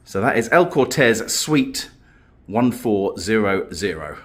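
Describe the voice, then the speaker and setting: A man's voice: lowish voice, sing-song, slow. A man giving a casual, unscripted vlog room tour in an appreciative, amused, understated way. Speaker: vlogger.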